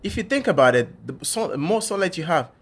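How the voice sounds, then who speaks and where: A man co-hosting a podcast in casual chat, animated and quick with agreeing fillers. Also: high-pitched, breathy edge.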